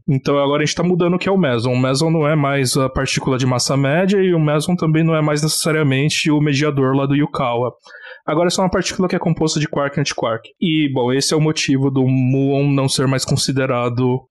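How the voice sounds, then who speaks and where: Young Brazilian man, podcast co-host, physicist, casual and profane, slightly high voice. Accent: Brazilian Portuguese. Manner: informal, jokey, swears, mock exasperation. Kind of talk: casual science podcast chat.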